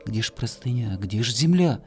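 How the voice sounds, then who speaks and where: Мужчина озвучивает в сказке робкого уставшего зайца, который говорит тихо и горестно. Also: male voice, animated, moderate pace, soft background music, close to an everyday voice. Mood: weary. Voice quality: quiet, weary and low. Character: timid exhausted male hare.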